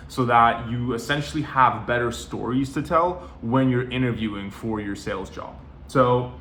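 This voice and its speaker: A man's voice: mid-range voice, a bit bright, a little hiss or hum. A young man in his twenties from Norway, giving casual, conversational career advice and often saying "you know" and "like". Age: 20s. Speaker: sales coach. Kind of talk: casual talking-head advice. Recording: roomy echo.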